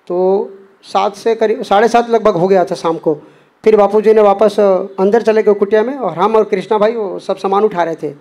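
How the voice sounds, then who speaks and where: A man's voice: high voice, darkish tone. A man giving an earnest spoken testimony as a devotee, acting out the dialogue he quotes. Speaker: devotee sharing a personal experience.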